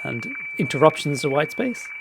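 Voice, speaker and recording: With a slightly high, sing-song voice, some vocal fry and a moderate pace, a man presents an informal screen-share tutorial, thinking out loud and walking through each step as he explores. Behind him comes shortwave radio noise: static, signals and faint voices.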